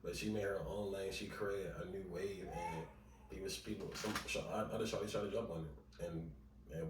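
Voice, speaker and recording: A man in a quick, slangy casual chat, mostly agreeing and adding his own points. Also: deep voice, fairly even intonation. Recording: roomy sound, distant mic, clear background noise.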